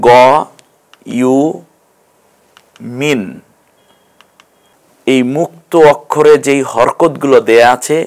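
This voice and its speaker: Male teacher, mid-pitched, patient classroom delivery, stretches out syllables when sounding them out. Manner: slow, drawn-out syllable-by-syllable sounding out; patient, explanatory. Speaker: Quran reading teacher. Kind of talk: TV classroom lesson.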